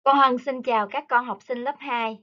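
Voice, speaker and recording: A woman teaching English to young children, speaking slowly and carefully and repeating each word for them to copy. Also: sits high, steady tone, lo-fi sound. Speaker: primary school English teacher. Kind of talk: online lesson for young children.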